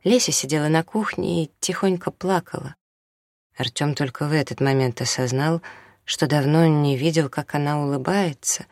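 An audiobook narrator reading prose fiction in a calm, measured way. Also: medium pitch, no echo, clean studio sound. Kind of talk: scripted narration.

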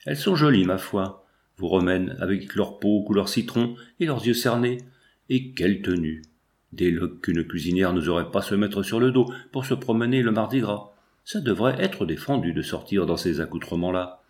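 A man's voice: low voice, lively intonation, moderate pace, a little mellow. A man reading the lines of an opinionated, pompous bourgeois father in an audiobook, speaking emphatically. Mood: emphatic.

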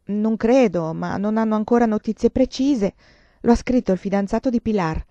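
A woman's voice: mid-range voice, moderate pace, warm tone, no echo, lo-fi sound, pitched above the performer's own voice, natural voice. A woman reading the lines of an anxious young female student, in an urgent, worried way.

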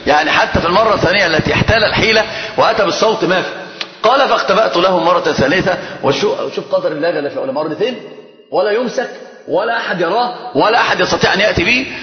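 A man's voice: high voice, racing. A male scholar teaching a religious class, telling stories with animation and quizzing his students. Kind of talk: religious lesson with storytelling. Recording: echoey hall, dull lo-fi sound.

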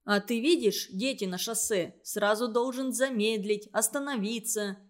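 A woman's voice: fairly high pitch, measured pace, lightly acted. A woman voicing a stern, commanding young male camp leader in a read-aloud story.

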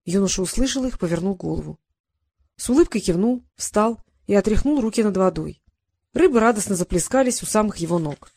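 A woman reading an audiobook as narrator, in a calm, even storytelling manner. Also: mid-range voice, a little fast. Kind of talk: scripted narration.

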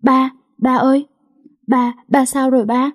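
A woman voicing a tough young heiress who pleads tearfully, her voice pitched up and breathy. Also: steady tone, moderate pace, dark tone, close to an everyday voice. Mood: tearful, pleading. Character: young heiress, tough but grief-stricken daughter.

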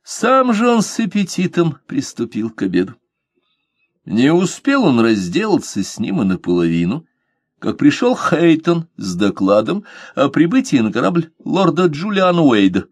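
A man narrating an adventure novel with expressive storytelling. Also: a little high, normal speed, slightly rough, dry recording, clean studio sound. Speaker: audiobook reader.

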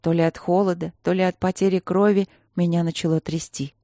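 A woman reading a first-person audiobook in a steady, dramatic way. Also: fairly low pitch, brisk, no room sound, studio quality. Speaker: audiobook narrator.

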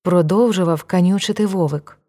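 A woman narrating an audiobook in a calm, even reading voice. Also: lowish voice, normal speed. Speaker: audiobook reader.

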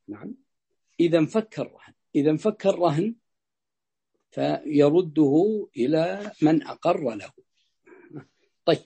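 Gravelly sheikh teaching. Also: male voice, fairly high pitch, warm tone. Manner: explains slowly, repeats phrases, checks understanding. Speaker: sheikh teaching Islamic jurisprudence. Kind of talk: explaining a fiqh text to students.

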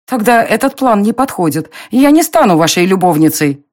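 A narrator playing a quick-tempered young woman in an audiobook reading, with a sharp and indignant delivery. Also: medium pitch, very animated, no echo, studio quality, voice pushed up, lightly acted.

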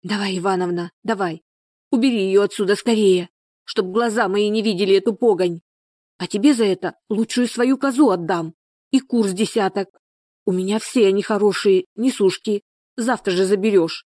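A woman's voice: mid-range voice, steady tone, measured pace, darkish tone, no room sound, studio quality, lightly acted. A woman voicing an exhausted, bitter peasant woman in labor who moans and speaks harshly. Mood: hot pleading. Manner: moaning, harsh, desperate.

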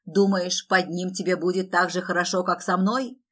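Jealous young man, shouting, snarling, voiced by a woman narrator, audiobook. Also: lowish voice, fairly even intonation, moderate pace. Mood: enraged. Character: furious jealous young man, older brother.

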